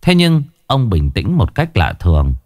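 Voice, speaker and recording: Expressive male ghost-story narrator. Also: fairly low pitch, unhurried, no room sound, studio quality.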